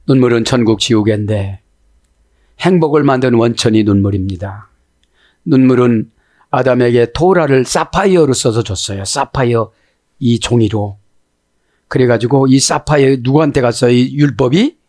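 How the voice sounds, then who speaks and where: Pastor preaching, calling out to listeners. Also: male voice, mid-range voice, darkish tone, dry recording, clean studio sound. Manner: often calls out to listeners with tag questions; slows down to spell out word grammar. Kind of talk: sermon explaining Hebrew scripture words.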